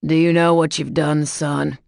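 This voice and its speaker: Woman putting on a stern coach dad, loud and bossy, low gravelly voice. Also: level tone, measured pace, no room sound, studio quality. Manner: loud and commanding. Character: stern middle-aged male school coach and father.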